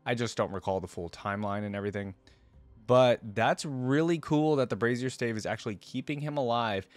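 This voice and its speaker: Reading along from wiki pages, the host of a laid-back reaction show talks conversationally, musing aloud and asking his viewers questions. He speaks fairly quickly in a mid-range voice, the recording is dry, and faint music plays behind him.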